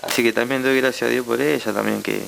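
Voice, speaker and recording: A young Argentine man with a Rioplatense accent giving a heartfelt personal testimony as a guest, halting and full of repeated tag questions. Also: medium pitch, steady tone, gravelly, background noise.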